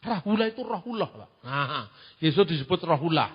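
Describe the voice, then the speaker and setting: A man preaches in an animated, questioning way, his voice sitting high. The recording is muffled and lo-fi, with a long reverb from the hall. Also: brisk, slightly rough. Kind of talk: sermon-style teaching.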